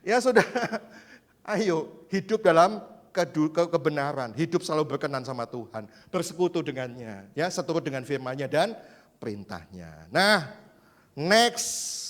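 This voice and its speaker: Man, pastor, youth sermon, high voice, playful, acts out voices, long reverb, big church hall. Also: moderate pace. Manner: lively, joking, acts out quoted voices.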